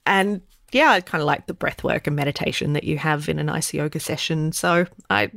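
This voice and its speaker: A woman co-hosting a podcast, chatting in a thoughtful, measured way. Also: deep voice, vocal fry, fairly bright tone, dry recording, studio quality. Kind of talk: casual chat.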